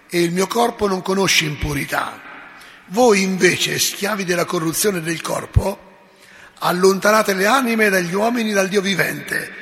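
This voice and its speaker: Man doing a steadfast young woman, solemn and firm, bright voice, echoey hall. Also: sits high.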